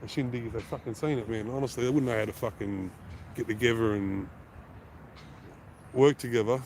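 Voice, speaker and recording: A man's voice: medium pitch, fairly quick, gravelly, a little mellow, a little hiss or hum. A man with an Australian accent chatting on a casual live stream, blunt and heavy on swearing, rambling with restarts. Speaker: livestreaming auditor.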